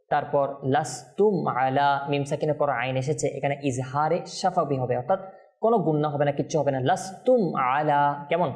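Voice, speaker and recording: A man teaching Quran recitation rules, drawing out example words slowly and checking in often with his listeners. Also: a little high, a little mellow. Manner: patient, keeps checking in with listeners; demonstrates words slowly, drawn out. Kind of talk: tajweed lesson, explaining pronunciation rules.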